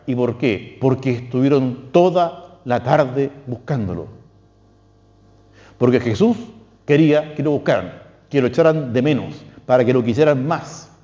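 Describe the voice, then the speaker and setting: A Chilean-accented priest gives a lively spiritual lecture, posing questions and quoting texts with emphatic leaps in pitch. The audio is dull, with a long reverb tail.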